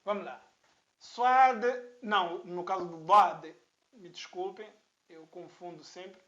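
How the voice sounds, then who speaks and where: Very slow, patient male language teacher. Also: high-pitched, a bit bright, muffled recording. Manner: patient, repeats sounds for the learner to copy. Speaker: Arabic teacher. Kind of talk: slow syllable-by-syllable language lesson.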